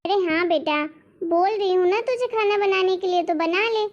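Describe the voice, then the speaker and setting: A bossy, scolding mother of middle age, put on by a woman narrator, ordering her daughter to cook in a cartoon story. The voice sits very high and the recording is dull. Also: moderate pace. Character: middle-aged mother, scolding but coaxing.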